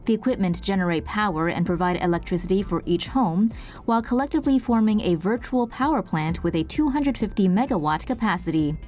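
A woman's voice: mid-range voice, lively intonation, a little fast, a little mellow. Woman reading news voice-over over music. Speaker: news narrator.

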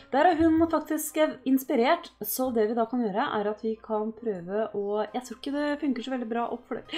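Excitable woman narrating a life-sim game. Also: fairly high pitch. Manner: excitable, yelps and shouts at the characters. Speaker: gaming host. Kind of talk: casual let's-play commentary.

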